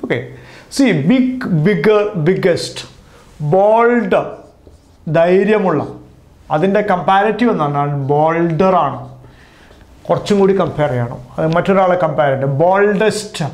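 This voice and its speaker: A man with a high voice teaches a grammar lesson and works through each word form slowly, saying it again and again. The room is echoey, so his voice rings around him as it would in a bare classroom. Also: darkish tone. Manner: patient, repeats and drills each word form. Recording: roomy echo.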